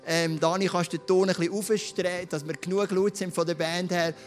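A man with a Swiss German accent preaching a sermon in a church, earnest and pausing often with fillers. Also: high voice, little pitch movement, over music. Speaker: pastor. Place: church hall with a live audience. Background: band playing softly.

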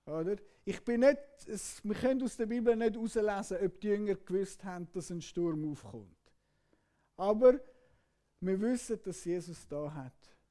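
A man preaching a sermon. He retells a story dramatically, moving between loud outbursts and hushed passages. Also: high voice, moderate pace.

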